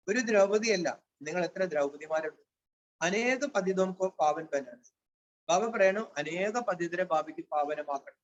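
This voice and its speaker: A man giving a devotional spiritual discourse. He reads a line, then explains it in plain words. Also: sits high. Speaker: Brahma Kumaris spiritual teacher. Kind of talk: devotional discourse reading Hindi lines and explaining in Malayalam. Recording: dull, lo-fi with faint hiss.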